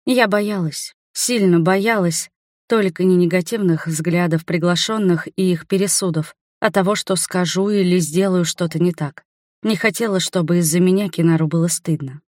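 A woman narrating an audiobook in the first person, in a measured, expressive way. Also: on the low side, dry recording, clean studio sound.

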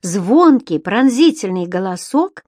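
Woman narrator for a children's book, expressive, close dry sound. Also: mid-range voice, slow, no room sound. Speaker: audiobook narrator. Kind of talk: scripted storybook narration.

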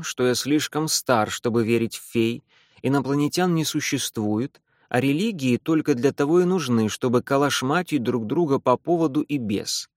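A man narrating an audiobook in the first person, wry and deadpan. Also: mid-range voice, dry recording, studio quality.

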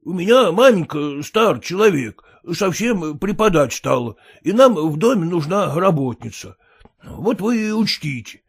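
A man doing a gravelly pleading peasant. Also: high-pitched, big pitch swings, voice pushed up, heavily acted. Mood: grumbling. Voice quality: rough, rustic speech. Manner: wheedling, halting with fillers.

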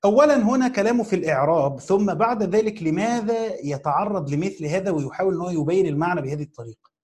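The voice is a man's, high, expressive, and a little mellow, with an Egyptian Arabic accent. He is teaching, reading a commentary slowly phrase by phrase to explain a text, repeating key words to stress them, and asking his students rhetorical questions.

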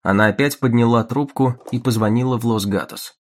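A man narrating an audiobook in a measured, even reading manner. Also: mid-range voice. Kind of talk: scripted narration.

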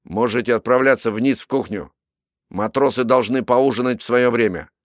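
A man's voice: medium pitch, normal speed, no echo, clean studio sound, natural voice. A man doing a stern barking sea captain. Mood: curt. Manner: curt, commanding. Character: gruff stern male ship captain, barking orders.

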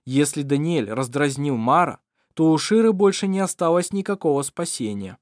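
A man narrates a dark fantasy audiobook in a steady, measured way. His voice sits a touch higher than most men's. The sound is dry and close, with no room echo. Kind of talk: scripted narration.

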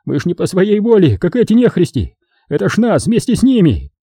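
A man's voice: sits high, big pitch swings, a little fast, mellow, husky, dry recording, clean studio sound, pitched above the performer's own voice, exaggerated voice. A man voicing a grovelling, hysterical middle-aged traitor who babbles pleas for mercy. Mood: begging.

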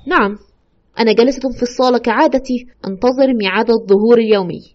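A haunted widow, played by a woman, pours out her tale of a ghost that will not leave her. She speaks very fast and a little high, with the fear held close under every line. The audio is slightly muffled, as if from a lo-fi audio drama. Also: close to an everyday voice. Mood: tense. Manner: fearful, urgent, breathless retelling. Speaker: storyteller consulting a doctor.

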